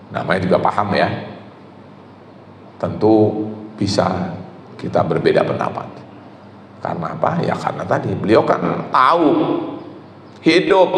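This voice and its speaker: A man giving a religious lecture, explaining texts and speaking directly to his audience with animated retelling. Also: medium pitch, a little hiss or hum. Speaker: preacher. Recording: echoey hall with faint ambience.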